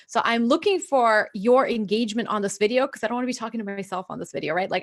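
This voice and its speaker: A Russian woman, a native Russian speaker who works as a mindset coach, speaks to live viewers unscripted in a confiding, earnest manner. Her voice is fairly high, and she sometimes halts and stretches words out for emphasis.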